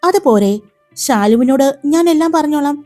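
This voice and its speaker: Woman reading a playful young man in a romance story, teasing and bossy, soft low delivery, mellow voice, faint music behind. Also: animated, normal speed.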